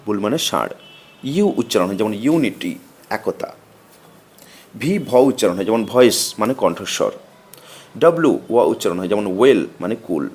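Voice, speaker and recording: Guy reading out a grammar lesson slow and steady, bengali first language, voice bounces up and down a lot. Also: fairly low pitch. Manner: slow, methodical recitation of letters and meanings. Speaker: teacher.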